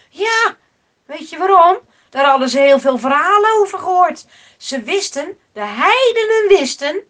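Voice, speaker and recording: A woman telling a children's Bible story in an expressive, dramatic way, moving between hushed and loud. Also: sits high.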